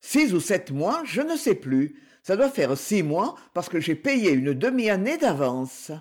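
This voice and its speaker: A reader voicing a gruff, hostile old man in a wheelchair, snapping and sneering. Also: mid-range voice, sing-song, a little slow. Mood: surly. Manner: surly, snapping.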